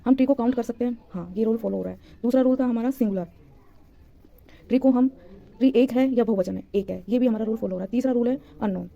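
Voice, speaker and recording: A woman's voice: on the high side, quick pace, vocal fry, muffled recording. A woman teacher giving a grammar lesson, patiently repeating points and answering her own questions.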